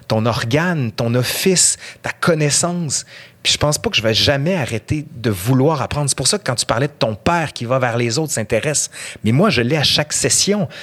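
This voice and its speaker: Man, Québécois accent, middle-aged, history professor, animated storyteller acting out quotes. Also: mid-range voice. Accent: Québécois French. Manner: animated, acts out quotes and anecdotes. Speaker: history professor, podcast guest. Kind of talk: casual interview storytelling.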